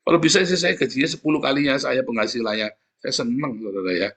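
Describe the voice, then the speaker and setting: A man's voice: mid-range voice, expressive, quick pace, fairly bright tone. A man preaching a sermon, joking with the congregation and often calling out to them directly. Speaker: pastor.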